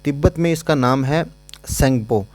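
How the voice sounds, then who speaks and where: A man's voice: medium pitch, moderate pace, a little mellow. A man teaching an exam-prep lecture in a casual, chatty way, repeating points and giving memory codes.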